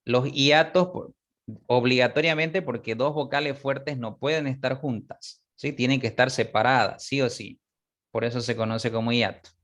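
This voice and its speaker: A man teaching a class, explaining step by step, repeating example words slowly and often checking that students follow. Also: medium pitch, steady tone, a bit bright. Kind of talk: online class lecture.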